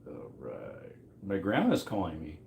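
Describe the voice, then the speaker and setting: A man's voice: sits low, huge pitch swings, measured pace, vocal fry, a little mellow, roomy sound, a little hiss or hum. A man in his mid-thirties hosting a trivia livestream, rambling casually and reacting to chat as he goes. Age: 30s. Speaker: livestream host running trivia.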